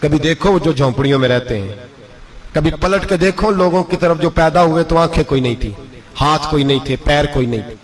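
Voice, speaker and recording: An impassioned male preacher tells a moral story. His fairly high voice swells to emphatic peaks as he presses each point home. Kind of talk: emotive sermon storytelling.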